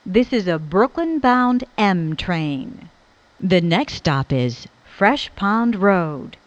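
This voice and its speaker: A woman's voice: mid-range voice, big pitch swings, takes it slowly, no echo. A woman reading recorded train announcements in stilted, spliced-together phrases. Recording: dull lo-fi train speaker recording.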